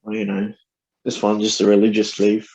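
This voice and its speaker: A man's voice: on the low side, completely flat delivery, normal speed, darkish tone, rough recording. A man chatting casually as a podcast guest, laid-back and slangy, with loosely put-together phrases. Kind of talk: casual chat.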